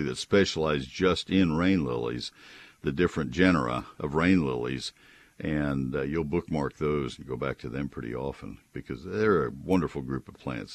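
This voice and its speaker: A man hosting a call-in radio show, talking in a folksy, unhurried, conversational way with a husky voice. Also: extremely low pitch, dry recording. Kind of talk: conversational live radio talk with sponsor reads.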